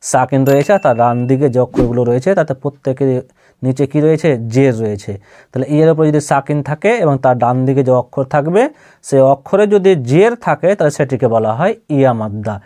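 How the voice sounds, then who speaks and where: A man with a Bangladeshi Bengali accent teaching Quran reading, spelling out syllables slowly in a drawn-out chant between quicker explanations. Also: medium pitch, warm tone. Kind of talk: slow spelled-out recitation lesson.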